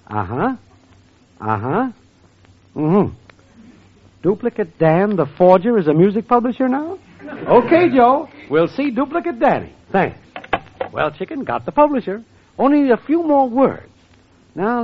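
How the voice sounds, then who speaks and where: A brash, husky wisecracker. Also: male voice, high voice, very animated, unhurried, pauses often, heavily acted. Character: fast-talking male songwriting schemer. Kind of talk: 1940s radio comedy acting. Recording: dull lo-fi old radio recording.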